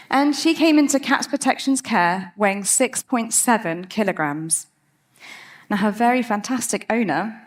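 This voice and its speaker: Chatty woman doing a talk, upbeat, laughs a lot, mid pitch. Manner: lively, chatty, laughs often. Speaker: cat behaviour speaker. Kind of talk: TED-style talk.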